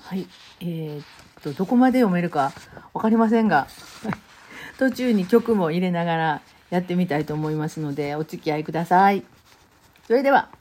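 A middle-aged woman with a Kansai accent, chatting gently and then reading a short story aloud slowly. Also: lowish voice. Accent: Kansai Japanese. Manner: gentle, chatty, many fillers; slows down to read. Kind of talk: casual chat, then unhurried literary reading aloud.

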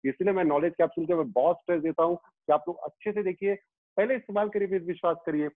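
A man in his fifties who teaches students, talking in an animated interview and hammering home his points by repeating them. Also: a little high, no echo. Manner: emphatic, repeats key phrases for effect. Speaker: teacher of students and YouTube educator. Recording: tinny phone-like line, dry.

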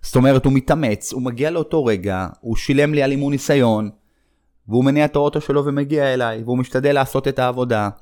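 A man's voice: mid-range voice, a little mellow. A middle-aged man, a running coach hosting a podcast, talks in a reflective monologue full of hesitations and repeated phrases. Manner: reflective, repetitive, with frequent hesitations.

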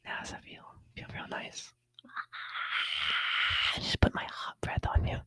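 A man's voice: measured pace, bright, forceful tone, no room sound, poor audio. A man voicing a creepy, close-talking ASMR whisperer in a whispered role-play. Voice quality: breathy whisper.

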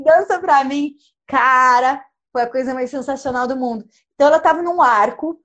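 A young woman telling a dramatic personal travel story in casual, animated chat. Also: high-pitched. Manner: lively, animated, dramatic retelling with gestures.

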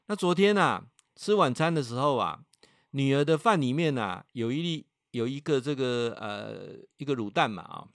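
A man with a Taiwanese Mandarin accent, a professor on a livestream, reading out a viewer's letter with animated storytelling and acting out its voices. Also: mid-range voice, moderate pace, no echo, studio quality.

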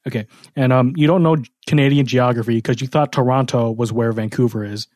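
A man's voice: mid-range voice, steady tone, brisk, darkish tone, no room sound. A young American man from the United States hosting a podcast, chatting casually with dry, understated quips. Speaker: podcast host.

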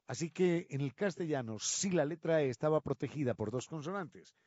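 A fairly high-voiced man explains how words changed, slowing down to stress each example. The recording is dry and a little dull. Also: expressive, darkish tone, dry recording. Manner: slow, emphatic on example words. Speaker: radio presenter of a language segment. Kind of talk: explanatory talk on word origins.

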